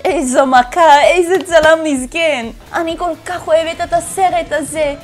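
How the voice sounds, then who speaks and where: High-voiced woman reacting to funny clips. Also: fairly even intonation, faint music behind. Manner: laughs often, exclaims and talks back at the clips. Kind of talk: casual reaction commentary.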